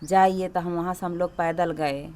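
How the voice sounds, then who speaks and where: A grieving woman with a Bhojpuri-Awadhi eastern Uttar Pradesh accent is interviewed about a local crime case, moving from a wailing lament to an earnest complaint as she describes what happened and pleads for justice. Her voice is fairly low and darkish, with fairly even intonation and a moderate pace.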